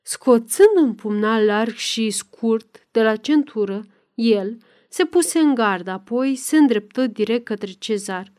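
A female narrator delivers a dramatic audiobook reading of a novel, keeping her pacing steady and measured. Her voice sits slightly above the typical female range.

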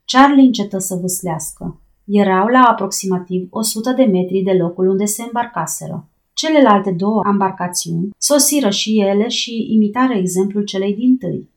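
Woman reading an adventure audiobook. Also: mid-range voice. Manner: lively, raising her voice for shouted lines. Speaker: narrator. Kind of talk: audiobook reading with voiced dialogue.

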